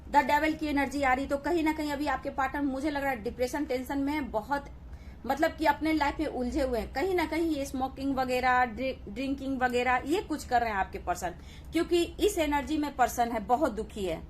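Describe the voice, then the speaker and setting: A woman's voice: sits high, a little fast, slight background noise. A woman giving a collective tarot reading, addressing viewers as "dear" and often repeating "okay" to reassure them. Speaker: tarot reader.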